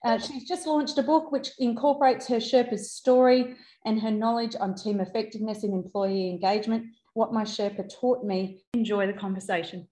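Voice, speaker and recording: A woman's voice: on the high side, fairly even intonation, brisk, hardly any pauses, warm tone. Roomy-sounding woman hosting. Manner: encouraging, affirming. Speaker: interview host. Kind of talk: conversational podcast hosting. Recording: roomy, echoing voice recording.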